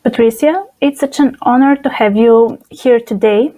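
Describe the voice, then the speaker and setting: A woman hosts a conference stream, reading formal introductions in a measured way. Her voice is a touch high and warm, with a soft, mellow tone. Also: rough recording. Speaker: conference host. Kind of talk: event moderation.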